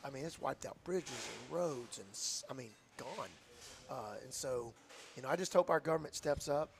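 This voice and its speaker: In a radio interview, a man who coaches high school football shares a sincere, moving story. His voice is gravelly and medium-pitched, expressive, at a normal speed. There's a slight hiss or hum in the audio.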